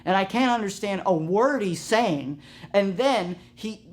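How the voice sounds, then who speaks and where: A young man narrating a comedic storytime about his jobs, animated and self-deprecating, often restarting his sentences. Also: high-pitched, unhurried.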